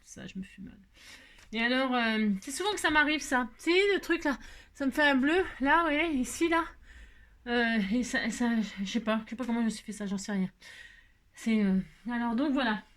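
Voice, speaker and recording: A woman's voice: on the high side, moderate pace, fairly bright tone. A woman hosting a crafting vlog, chatting to her viewers in a rambling, casual way full of fillers and self-interruptions. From France. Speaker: craft video host.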